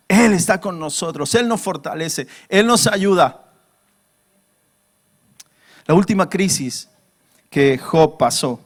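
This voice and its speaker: A man preaching a sermon as pastor in a church service, his voice sitting fairly high for a man. He speaks emphatically, throwing rhetorical questions at the congregation and lifting his voice when he acts out pleas to God. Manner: acts out quoted pleas in a raised voice.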